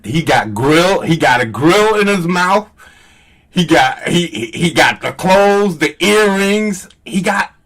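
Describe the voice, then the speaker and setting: A man's voice: high voice, lively intonation, slow, fairly bright tone. A man streaming live, talking casually to his viewers in an emphatic, repetitive, preachy way.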